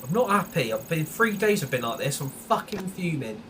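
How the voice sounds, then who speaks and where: A man's voice: a little high, big pitch swings, normal speed, pushed and bright, a little hiss or hum. A man hosting a gaming channel, giving casual gameplay commentary while grumbling and swearing in frustration at home.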